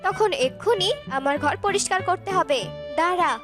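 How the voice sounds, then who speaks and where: A woman doing a shrill, spiteful cartoon grandma bird. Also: moderate pace, over music. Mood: scolding. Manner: nagging, shrill scolding. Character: scolding old bird grandmother, spiteful mother-in-law.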